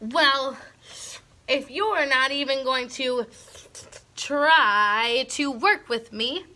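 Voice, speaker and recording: A woman's voice: high-pitched, pushed and bright, heavily acted. A woman voicing a big scruffy boy monster in a storybook, slurpy and whiny, trying to sound menacing. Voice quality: slurpy, drawn-out.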